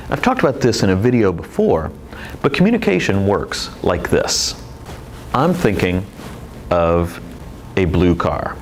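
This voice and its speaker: A man's voice: on the low side, vocal fry, slight background noise, rough recording. A man teaching presentation skills in a video lecture, explaining expressively with demonstrations. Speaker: presentation instructor.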